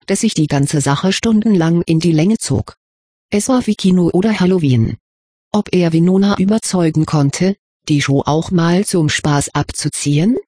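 A narrator reads a fantasy story aloud with a wry storytelling manner. The voice is husky and breathy, and the recording is dry and close. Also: medium pitch, mellow, no room sound. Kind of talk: audiobook reading.

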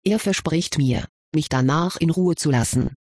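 A haunted teenage wizard, pleading and shaken, as a reader puts him on. The voice is husky and breathy with a steady middle pitch. It sounds dry and close, like an audiobook recorded in a small booth. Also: moderate pace, no echo, lightly acted. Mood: desperate. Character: distressed teenage boy wizard, haunted and desperate. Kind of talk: audiobook reading of a story.

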